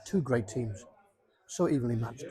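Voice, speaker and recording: A man's voice: mid-range voice, lively intonation, moderate pace, crowd noise. A man giving casual, jokey live commentary on a pool match, rambling and repeating himself. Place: pub during a pool match.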